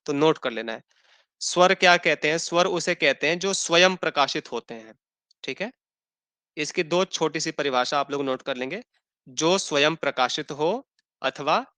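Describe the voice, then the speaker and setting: Slightly high and pushed, bright in quality, a male Sanskrit teacher speaks on a dry recording during an online class. He goes over definitions patiently and slowly for note-taking, checking understanding frequently with "thik hai" and "hai na".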